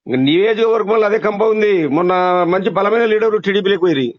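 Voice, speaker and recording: On a muffled, lo-fi leaked phone call, a man with a Rayalaseema Telugu accent, a local party leader being surveyed, airs grievances candidly. He speaks colloquially and emphatically in a rural style, his high voice moving at a quick pace over the telephone.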